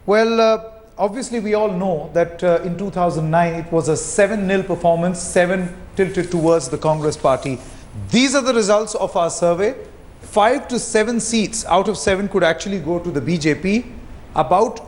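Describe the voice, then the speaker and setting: High-voiced Indian man explaining poll figures. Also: moderate pace. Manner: clear, explanatory. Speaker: poll analyst. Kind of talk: presenting survey results.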